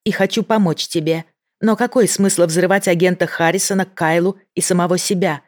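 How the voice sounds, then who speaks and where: The audiobook reader takes on a female federal agent in a tense negotiation with a bomber, her tone controlled, pleading, and restrained as she keeps her voice steady. The lightly acted, mid-range voice is pushed up, with fairly even intonation at a normal speed.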